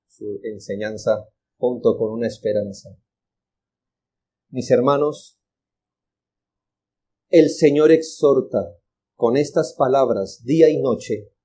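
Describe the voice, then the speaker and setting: A man's voice: medium pitch, mellow, husky. A male pastor with a Colombian accent preaching an earnest, exhorting sermon and repeating words for emphasis. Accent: Colombian Spanish.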